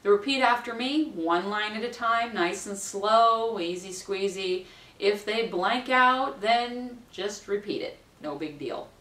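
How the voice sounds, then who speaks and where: A woman's voice: mid-range voice, unhurried. Chatty woman minister, roomy distant sound. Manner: chatty, practical, acts out quotes with a bright lilt. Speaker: wedding minister giving training. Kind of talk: instructional talk to camera. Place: small room at home, indoors. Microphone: camera mic at a distance.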